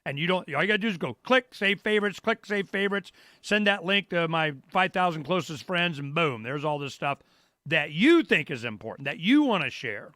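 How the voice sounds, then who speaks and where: A middle-aged man hosting his own show, walking viewers through a website in a loose, rambling way and exclaiming "boom" often. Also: lively intonation, brisk, bright, forceful tone, no echo, studio quality. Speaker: radio show host. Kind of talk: casual live-stream walkthrough. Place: home studio.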